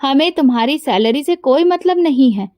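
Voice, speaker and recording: A woman's voice: sits high, expressive, moderate pace, darkish tone, no echo. A woman reading the lines of a proud poor young boy who speaks hesitantly, bitter and sorrowful. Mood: grieving.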